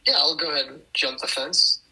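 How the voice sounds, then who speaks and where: A man with a raspy, gravelly voice talks through his moves in a tabletop game. He is hesitant, and his bright, tense tone comes through a lo-fi, radio-like line. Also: a little high, fairly quick. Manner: hesitant, with many fillers. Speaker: player. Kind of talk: casual chat.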